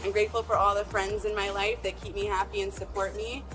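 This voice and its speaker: A woman's voice: mid-range voice, level tone, fast talker, music in the background, low-quality recording. A woman from Canada cheerfully listing the things she is grateful for in a chatty, personal way. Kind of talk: personal sharing.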